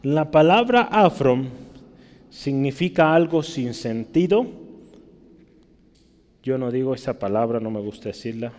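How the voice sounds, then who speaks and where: A man's voice: mid-range voice, animated, measured pace, pauses often, darkish tone. A man preaching a teaching sermon, often checking in with tag questions. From Mexico. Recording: long hall reverb.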